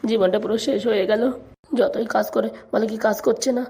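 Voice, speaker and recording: A woman's voice: medium pitch, fairly even intonation, a little fast, dark tone, slightly rough. A woman voicing a weepy, meek old man. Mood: sad. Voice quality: whiny, pleading. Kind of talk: cartoon voice acting.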